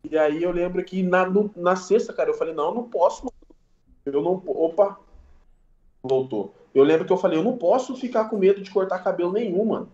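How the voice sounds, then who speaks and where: This guest barber's voice sits high and moves quickly, captured lo-fi in an echoey room. Chatting casually on a podcast, he spins laid-back, slangy stories and throws in sound-effect words.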